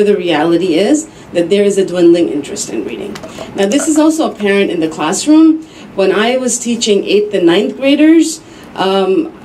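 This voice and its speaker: A woman giving a measured, explanatory talk as a speaker at an academic roundtable. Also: medium pitch, darkish tone, slight background noise, rough recording. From United States. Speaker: panel speaker.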